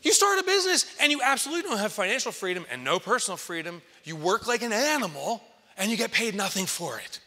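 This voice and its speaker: A man in his forties gives a stage keynote, swinging his pitch widely as he tells stories and acts out what people said. His tone is bright and forceful, a little on the high side. A headset mic picks him up in a large hall with a long reverb. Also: fast talker. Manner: lively storyteller, acts out quotes and jumps to excited highs. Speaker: keynote speaker. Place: large conference hall, on stage in front of an audience.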